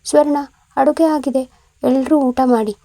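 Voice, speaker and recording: A woman voicing a gentle middle-aged husband who speaks calmly. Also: sits high, unhurried, vocal fry, dry recording, pitched above the performer's own voice.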